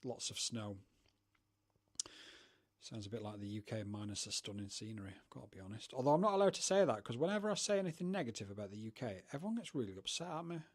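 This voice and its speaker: Fast-talking and animated, a man from the United Kingdom runs a rambling livestream from his home studio, chatting with viewers and putting himself down. His voice sits in the mid range.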